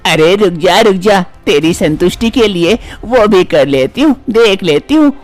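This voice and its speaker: A cranky old mother-in-law from a cartoon story scolds her daughter-in-law in a high, sharp voice, as a man puts her on. She waves every worry away and nags without pause. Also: expressive, soft background music. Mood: scolding. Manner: scolding, dismissive.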